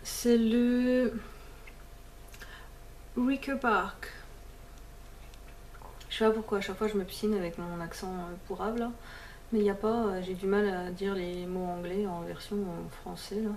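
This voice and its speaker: A woman's voice: mid-range voice, steady tone, moderate pace, dark tone, slight background noise. A woman talking casually to camera about her nail polishes and books, chatty and full of fillers and restarts, now and then slipping in English words. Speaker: beauty vlogger.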